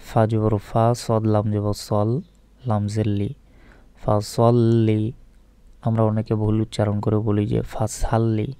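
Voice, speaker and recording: A man's voice: fairly low pitch, warm tone, dry recording. A man with a Bangladeshi Bengali accent teaching Quran recitation, spelling out each letter and vowel mark one by one before chanting the verse. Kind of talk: slow, methodical pronunciation lesson.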